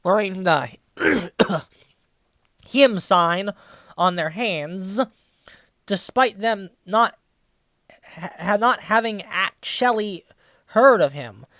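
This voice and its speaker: A reviewer, seemingly in their twenties, performs a dramatic read-aloud of fan fiction, pausing to toss in profane, sarcastic asides. The voice sits at medium pitch with lively intonation and a fairly bright tone, moving slowly with long pauses, and there's no echo.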